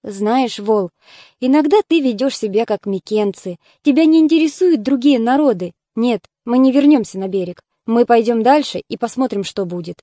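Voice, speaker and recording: A woman reading the lines of a calm, commanding young male hero in an audiobook. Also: fairly high pitch, normal speed, no room sound, studio quality, close to an everyday voice. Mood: firm.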